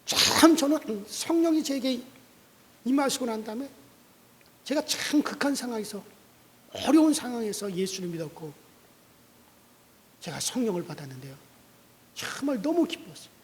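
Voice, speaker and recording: A man's voice: very high-pitched, big pitch swings, moderate pace, pauses often, long reverb tail. A male pastor giving a dawn prayer sermon, preaching with animation and putting questions to the congregation.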